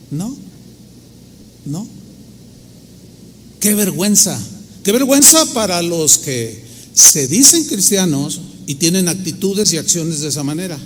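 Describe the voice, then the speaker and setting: A man with a Mexican accent preaching a sermon as a pastor, telling stories emphatically and acting out the voices he quotes. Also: high-pitched. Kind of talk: storytelling sermon. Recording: reverberant hall, faint noise.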